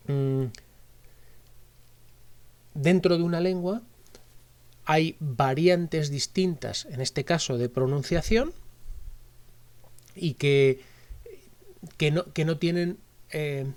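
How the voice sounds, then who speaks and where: A man with a Spanish accent from Spain gives a recorded lecture, explaining patiently as he goes. He often restarts phrases and corrects himself along the way. His voice sits a little high for a man. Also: a little mellow. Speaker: teacher.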